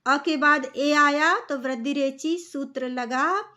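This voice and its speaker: A woman's voice: high voice, slow, sharp tone. A young woman teaching Sanskrit grammar, patiently reciting rules and working through each step. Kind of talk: explanatory lesson.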